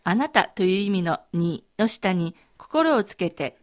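Female co-host, calm pace, animated melody, clear model phrases. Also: medium pitch, a little slow. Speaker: co-host and Chinese pronunciation model. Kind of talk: scripted language lesson.

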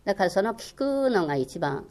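At medium pitch and a little fast, this older woman sounds very animated, her tone slightly mellow. Chinese is her first language, and she was once a radio language lecturer. Answering interview questions, she is earnest and encouraging, hesitating frequently with fillers.

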